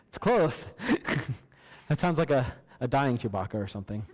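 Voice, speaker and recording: A man hosting a church trivia night, reading questions slowly, counting down and laughing at himself. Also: medium pitch, expressive. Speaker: trivia host. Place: church hall. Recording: large hall with long reverb.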